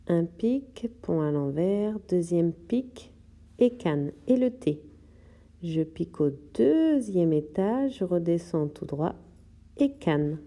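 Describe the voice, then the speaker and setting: A woman guides young children through handwriting, narrating each stroke in slow, careful steps. Her voice is deeply mellow and dark in tone, and she takes her time, unhurried and patient in delivery. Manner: slow, step-by-step instructions while writing. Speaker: teacher. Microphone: tablet microphone.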